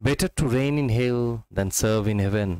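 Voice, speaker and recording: A man with a Bengali accent teaching English literature for exams, reading quotations slowly and explaining quickly in Bengali mixed with English. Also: mid-range voice, a little mellow, smooth, no room sound, poor audio. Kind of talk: exam-prep literature lesson.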